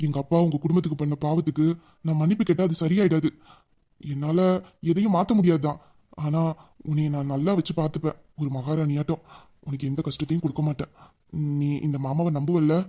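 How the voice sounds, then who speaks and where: Hot-tempered but tender young college man, played by a man, high-pitched. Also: steady tone, fast, lightly acted. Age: young adult. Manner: fierce scolding, then soft and low.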